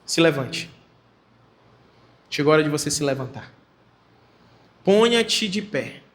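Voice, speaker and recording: A man voicing a stern angel, dropping to a low, solemn commanding tone. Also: sing-song, a little slow, a bit bright.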